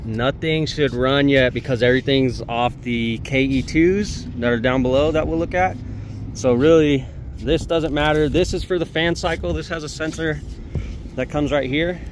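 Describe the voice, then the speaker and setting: Wearing a head-mounted camera, a man working refrigeration repairs talks through each step in plain terms, swearing frequently, on a rooftop at night and in equipment rooms. His voice is mid-range, and there is noise behind him.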